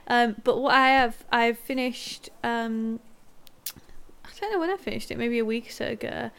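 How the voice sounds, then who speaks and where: A woman's voice: fairly high pitch, normal speed, a bit bright, clear, resonant tone. A young woman chatting casually about shows and books, in a playful, wry way.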